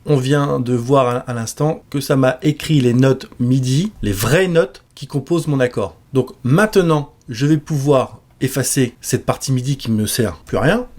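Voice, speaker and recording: A man giving a relaxed step-by-step music software tutorial with casual fillers. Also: mid-range voice, moderate pace. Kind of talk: screen-recorded software tutorial.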